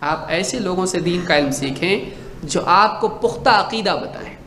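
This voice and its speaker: A man giving a sermon-style lecture as a preacher, animated, firing rhetorical questions and acting out little dialogues. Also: high-pitched, measured pace. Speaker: Islamic preacher. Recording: echoey hall with faint noise.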